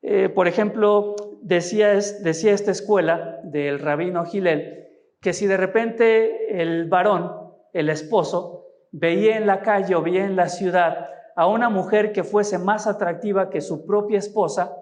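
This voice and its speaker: A man's voice: sits high, unhurried, a little mellow. A man with a Mexican Spanish accent preaching a sermon as pastor, explaining scripture and often asking his listeners short questions. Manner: teaching, asks listeners rhetorical questions.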